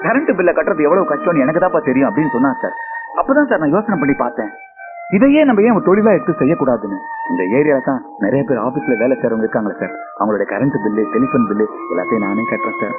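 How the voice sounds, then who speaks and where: A man's voice: medium pitch, big pitch swings, racing, close to an everyday voice. An actor playing a deferential young man who politely explains an idea to his elder. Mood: earnest. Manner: polite, deferential, says sir. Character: humble young man pitching a bill-paying idea. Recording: phone-like band with film music.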